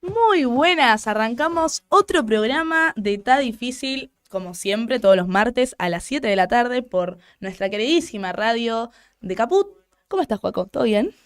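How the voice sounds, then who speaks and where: In a radio studio, this young host offers blunt political opinions with an Argentine Spanish accent, frequently restarting and repeating words. Her voice is fairly high-pitched and animated, though her pace stays measured.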